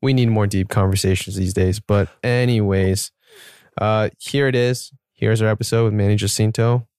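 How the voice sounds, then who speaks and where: Relaxed low-voiced podcast co-host man. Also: normal speed, smooth, no room sound, clean studio sound. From Georgia, USA. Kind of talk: casual podcast chat.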